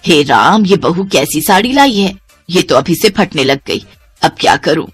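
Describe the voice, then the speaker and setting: A domineering older mother-in-law, as voiced by a woman, pitched low and lively, who snaps out orders and tellings-off. Her voice swings widely as she scolds. It suits an animated family drama. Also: normal speed, slightly rough, soft background music. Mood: dismayed. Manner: commanding, scolding. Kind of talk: animated family story voice acting.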